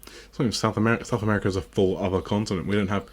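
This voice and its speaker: A man's voice: fairly low pitch, fairly even intonation, rapid-fire, husky. A young man with a southern English accent, giving sarcastic, exasperated reaction commentary in a mocking tone. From England. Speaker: commentary vlogger.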